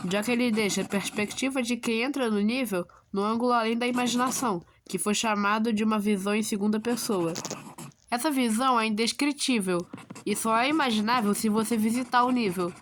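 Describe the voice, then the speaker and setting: A woman's voice: fairly high pitch, noisy background. A woman with a Brazilian accent and a slightly odd, swollen sore-throat voice, narrating a scripted explainer with casual asides. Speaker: video narrator explaining fictional lore.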